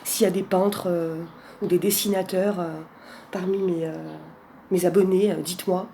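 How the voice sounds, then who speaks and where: A woman's voice: fairly low pitch, fairly even intonation, normal speed, mellow, a little hiss or hum. A woman casually presenting a card deck in a vlog, chatty, with many fillers and frequent laughs. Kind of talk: casual chat.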